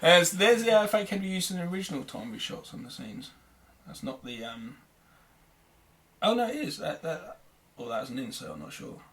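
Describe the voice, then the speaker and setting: A man's voice: sits high, big pitch swings, a little fast, fairly bright tone. A man talking casually through a film commentary as its director, rambling and laughing often.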